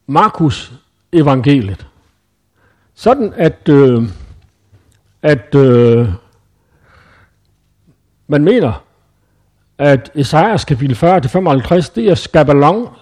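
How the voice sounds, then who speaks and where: A man's voice: fairly high pitch, a little mellow, breathy edge. A man preaching in a conversational Bible-teaching style, thinking aloud with frequent hesitations and self-corrections.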